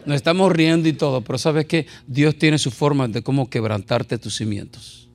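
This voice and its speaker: Gravelly-voiced joking preacher man. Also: medium pitch, moderate pace. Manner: animated, jokey, shouts and laughs at times. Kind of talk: lively sermon with jokes and anecdotes.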